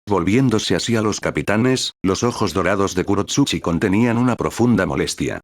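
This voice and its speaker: A man reading a fan-fiction story aloud as narrator in steady storytelling narration. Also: deep voice, moderate pace, no room sound.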